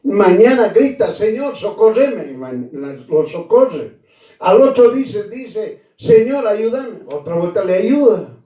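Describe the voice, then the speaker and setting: A man preaching a sermon slowly and emphatically, repeating key phrases and calling his listeners brother. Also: sits high, animated, reverberant, recorded from a distance, dull audio.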